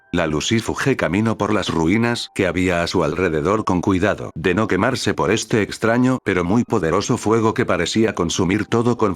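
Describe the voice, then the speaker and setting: Male storyteller, slightly low voice, steady scripted narration. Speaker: fan fiction narrator.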